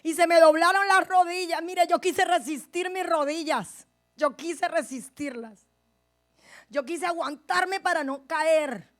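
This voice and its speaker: A woman pastor giving her testimony in a sermon, speaking to her listeners directly and swinging between hushed and forceful delivery. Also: extremely high pitch, measured pace.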